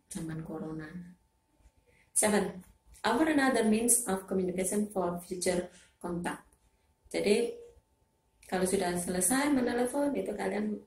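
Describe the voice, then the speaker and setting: A woman's voice: on the low side, darkish tone. Echoey teacher woman, bilingual lesson. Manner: explains in Indonesian, repeats English phrases. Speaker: English teacher.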